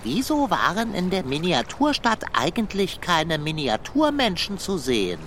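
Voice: medium pitch, huge pitch swings, moderate pace, a bit bright, a little hiss or hum. A performer voicing a talkative male tomcat who is wordy, fussy and easily flustered, in a radio play. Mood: puzzled.

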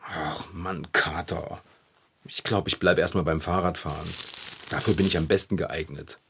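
A man voicing an eager, excitable young bike tinkerer in a children's audio drama, swinging between glee and gloom. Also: low-pitched, moderate pace, a little hiss or hum. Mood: glum, rueful.

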